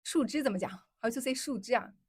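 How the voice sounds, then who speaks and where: A woman from mainland China whose first language is Mandarin hosts a casual English-language live stream, chatting with viewers, laughing often, and answering chat comments. Her voice is a little high with a breathy edge, and she talks at a quick pace. The audio is dry and close, with almost no room echo.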